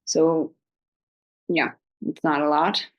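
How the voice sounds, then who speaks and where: A woman talking informally to viewers as a video host, consoling and reassuring, with a hesitant, halting delivery. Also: low voice, little pitch movement, highs cut off. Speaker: video host giving pet-loss advice. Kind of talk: informal, unscripted talk to viewers.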